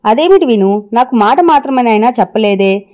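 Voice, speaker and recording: A stubborn young working wife argues back with indignant force, as a woman narrator reads her part. The voice is mellow and fairly high. It comes across as a spoken audio story. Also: animated, fairly quick, close to an everyday voice.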